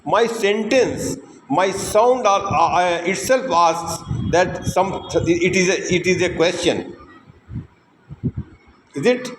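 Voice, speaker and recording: A man with an Indian accent teaching spoken English, stressing each word deliberately and switching between Hindi and English. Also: sits high. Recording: echoey room with background noise.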